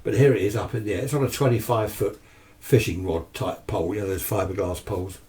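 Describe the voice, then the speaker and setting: This is a fast-talking British man with a mellow, lowish voice and fairly level intonation. He rambles casually about amateur radio, unscripted and matter-of-fact, while sitting in his radio shack at home. The room is noisy and the microphone is a good distance off.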